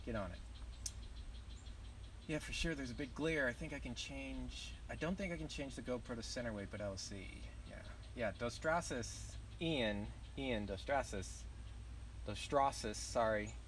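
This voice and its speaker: A young man from the southern United States chats loosely on a live stream from an outdoor campground, rambling and swearing casually in a Southern accent. His mid-range voice keeps a measured pace but sits far from the mic, and the rough recording carries a faint hiss or hum.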